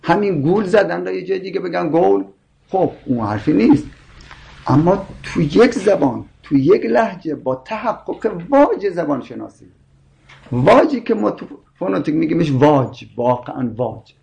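A man's voice: sits high, animated, gravelly, darkish tone. A man in a scholarly debate, insistently explaining his point with repeated examples. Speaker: scholar explaining linguistics and Quran readings.

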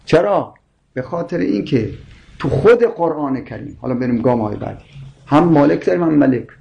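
A man's voice: a little high, expressive, gravelly, mellow, muffled recording, a little hiss or hum. A man in a scholarly debate, insistently explaining his point with repeated examples. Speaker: scholar explaining linguistics and Quran readings.

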